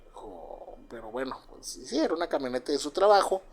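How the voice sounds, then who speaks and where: A man's voice: on the high side, lively intonation, fairly quick. A man with a Mexican accent telling a first-person true story, rambling with lots of fillers and tag questions. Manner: rambling, filler-heavy with frequent "pues" and "¿verdad?".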